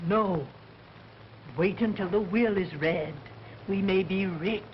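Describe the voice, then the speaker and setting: An actress as an older housekeeper, motherly on top and guarded underneath. The delivery is early 1930s film acting. The soundtrack is muffled with clear noise. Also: medium pitch, slow pace, lightly acted. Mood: wary, scheming. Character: soothing, guarded older housekeeper aunt, secretly calculating.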